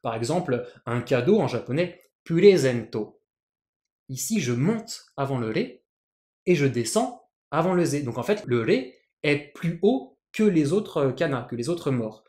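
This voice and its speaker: A Japanese language teacher explaining pitch accent patiently in a lesson, often repeating words and restarting phrases. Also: very animated, normal speed, darkish tone, echoey room. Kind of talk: explanatory lesson with written examples.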